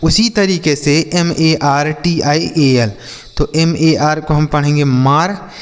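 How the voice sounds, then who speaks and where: A channel host teaching spoken English spells out words letter by letter, repeats, and quizzes the students he calls children, also addressing viewers as children and brother. His voice is smooth and fairly high, heard with a big-room sound.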